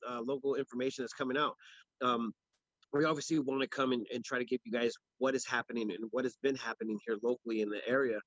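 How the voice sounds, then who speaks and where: A man's voice: medium pitch, a bit bright, no room sound, muffled recording. A man co-hosting a local news livestream, chatting casually off the cuff with many restarts and fillers. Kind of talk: casual ad-libbed chat.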